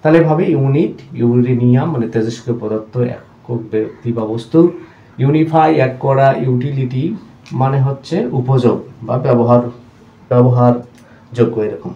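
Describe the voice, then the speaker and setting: A man teaching English spelling and pronunciation rules in a video lesson. He keeps calling his viewers friends and repeats each example word slowly. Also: mid-range voice, fairly even intonation, roomy sound, lo-fi sound. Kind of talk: explanatory lesson.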